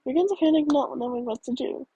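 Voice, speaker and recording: A woman reading a second-person fan story aloud in a high, husky voice. Her delivery is casual, with small stumbles and self-corrections along the way. The tone is mellow and the recording is close and dry. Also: fast, no echo, lo-fi sound. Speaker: story narrator.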